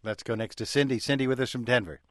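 A man hosting a radio call-in show with a smooth, easy radio-host delivery, speaking into a studio microphone. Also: medium pitch, steady tone, quick pace, a bit bright, dry recording.

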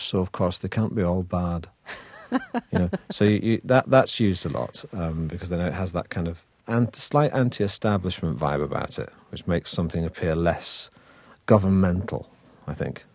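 An actor from Manchester, England, chats as a guest in a relaxed interview, speaking with a northern English Manchester accent. He's wry and hesitant, full of restarts, and his low voice is a little mellow at normal speed. There's no room sound at all.

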